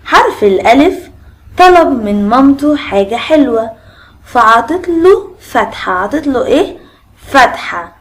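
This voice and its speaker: A woman's voice: sits high, sing-song, unhurried. A woman with an Egyptian accent, a primary school teacher giving a children's reading lesson, asking the class questions and repeating sounds. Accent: Egyptian Arabic.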